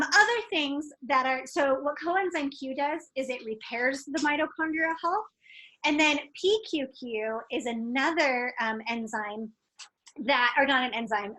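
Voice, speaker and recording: Chatty upbeat woman coach, fairly high voice. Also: fairly bright tone, low-quality recording. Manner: chatty, filler-heavy, upbeat. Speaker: fitness and health coach. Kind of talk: casual teaching talk to fellow coaches.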